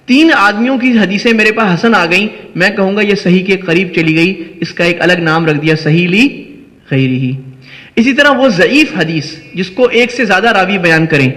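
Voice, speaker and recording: A man's voice: high voice, a bit bright. A man with a Pakistani Urdu accent, an Islamic scholar giving a lecture who explains step by step and asks and answers his own questions. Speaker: Islamic scholar teaching hadith studies. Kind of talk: classroom lecture. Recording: long hall reverb.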